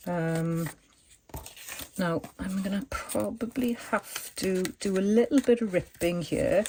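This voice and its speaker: A woman's voice: mid-range voice, slow pace, dark tone, slight background noise. A woman chatting casually at her home craft desk, rambling and thinking aloud with lots of fillers as she works on a journal page.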